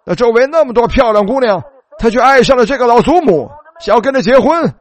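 A man's voice: very high voice, lively intonation, a little fast. A man preaching a sermon, telling the story animatedly and calling out hallelujah.

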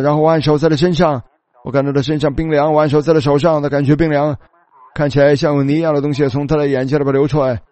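A man's voice: medium pitch, warm tone, no room sound. A man preaching, telling a long story in his sermon and filling his speech with many small filler words.

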